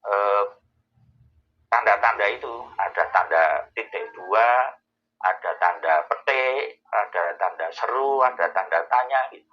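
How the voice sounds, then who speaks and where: A man, explaining answers to a host's questions in a thoughtful way, pausing often to find his words. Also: on the low side, highs cut off. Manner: thoughtful, with many pauses and fillers. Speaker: Islamic scholar answering questions. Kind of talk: explanatory Q&A talk.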